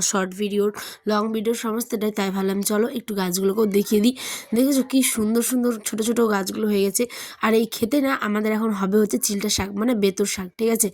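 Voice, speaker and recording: A woman's voice: medium pitch, darkish tone, no room sound. A young woman from rural West Bengal speaking with a Bengali accent as a lifestyle vlogger, chatting to her viewers with frequent tag questions, partly filmed out in the village fields. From West Bengal, India. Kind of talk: chatty vlog narration.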